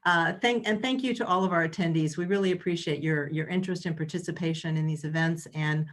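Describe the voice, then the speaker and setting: Woman event organizer, slightly low voice, casual chatty sign-off on a video call, halting restarts. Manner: chatty, many ums and restarts. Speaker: event organizer closing a webinar. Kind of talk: casual closing remarks.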